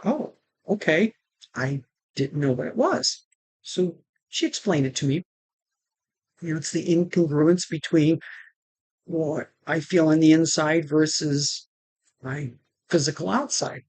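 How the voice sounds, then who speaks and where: Slow, halting woman telling her story. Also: deep voice, darkish tone, dry recording. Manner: halting, with pauses and restarts; retells conversations with "she goes" and "I'm like". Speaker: vlogger. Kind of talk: personal storytelling to camera.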